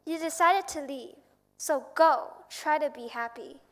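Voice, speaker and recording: A woman's voice: high voice, a little slow. A woman acting a proud, tender rose on a school auditorium stage, speaking wistfully. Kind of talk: stage play performance.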